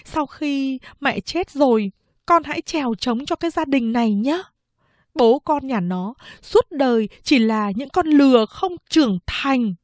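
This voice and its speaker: A woman voicing an old, sick mother-in-law who wails shrilly and speaks slowly and sternly, in a storybook reading. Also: expressive, darkish tone, dry recording. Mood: stern, weary. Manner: shrill wailing cries when in pain, slow stern talk.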